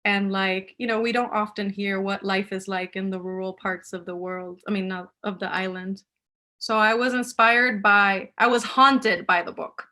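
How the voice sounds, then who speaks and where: In a casual live video-call Q&A, a Puerto Rican author responds to her audience's questions, laughing a lot and mixing in Spanish words. Her voice is mid-range and steady, at normal speed, with a sharp tone.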